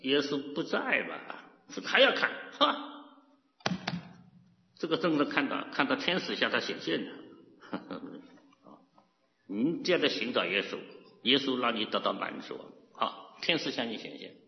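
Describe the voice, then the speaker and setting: A man preaches a sermon with lively swings in pitch, often throwing questions at his listeners and breaking into laughter. His fairly high voice rings through a long hall reverb. The recording sounds dull and lo-fi. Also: normal speed, vocal fry. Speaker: pastor.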